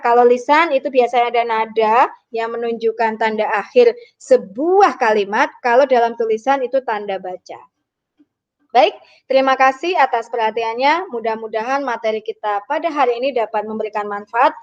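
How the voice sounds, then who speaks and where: A high-pitched woman teacher gives a patient grammar lesson. She acts out short example sentences to show intonation. The recording sounds a little dull and lo-fi. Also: a little fast. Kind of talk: online lesson.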